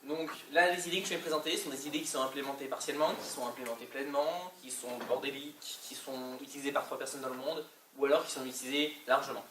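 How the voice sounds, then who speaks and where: Male conference speaker, French accent, colloquial and hesitant, bright tone, echoey room with faint noise. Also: mid-range voice, fairly even intonation, fast, few pauses, recorded from a distance. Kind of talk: informal technical presentation.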